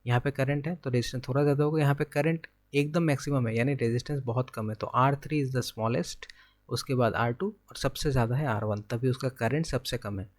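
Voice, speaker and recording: A young man with an Indian accent teaches an exam-prep physics lesson at a mid-range pitch. He works through each formula step by step, asks himself questions and answers them right away. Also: a little fast. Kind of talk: exam-prep lecture, working problems aloud.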